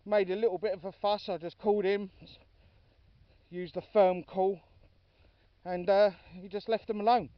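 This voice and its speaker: Man, casual outdoor vlogger, somewhat high pitch, dry, dull lo-fi sound with the mic held back. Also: level tone, moderate pace, clean tone, no room sound, distant mic. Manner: chatty and informal, calling his dogs now and then. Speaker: dog walker filming his walk. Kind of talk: casual vlog commentary while walking. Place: outdoors on a dog walk.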